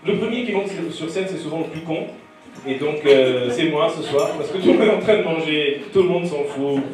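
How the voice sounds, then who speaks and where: A man's voice: fairly high pitch, fairly quick, music in the background. A man doing live stand-up, teasing and bantering with diners in a comedy club. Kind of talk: live stand-up crowd work. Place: comedy club during dinner service. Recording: echoey room, distant mic, audience.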